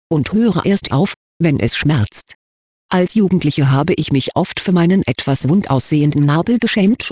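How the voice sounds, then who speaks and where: Husky man reading a confession. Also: on the high side, a little mellow, no echo, clean studio sound. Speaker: reader of anonymous confessions.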